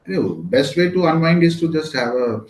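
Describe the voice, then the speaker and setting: A real estate lawyer in his fifties, from West Bengal, India, talks in a slightly high, sing-song voice at normal speed. A native Maithili speaker with an Indian English accent, he rambles through casual interview answers using many fillers. The recording has room echo and faint noise.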